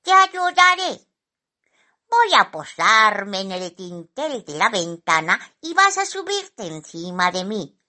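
A woman's voice: medium pitch, sing-song, slow pace, sharp tone, voice pushed up, heavily acted. A woman voicing an old, clever and sly female magpie in a storybook reading, with a bossy, teasing manner. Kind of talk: storybook narration.

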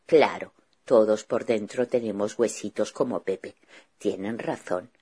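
Very low, husky-voiced woman host. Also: unhurried, dark tone. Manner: reassuring, patient, explains things simply. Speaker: children's show host. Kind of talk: gentle explanatory chat with a child character.

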